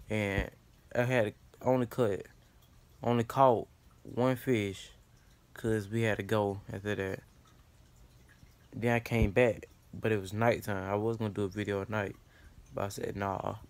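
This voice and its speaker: A man's voice: fairly low pitch, steady tone, measured pace, pauses often. Young man rambling into a phone. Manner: loose, rambling, talks straight to viewers. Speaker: vlogger. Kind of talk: casual vlog chat. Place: outdoors by a pond, then indoors in a room. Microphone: phone camera.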